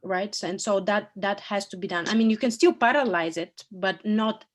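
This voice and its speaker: A woman's voice: mid-range voice, normal speed. Woman, losing her voice, hesitant, many fillers, video call. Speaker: tutorial presenter.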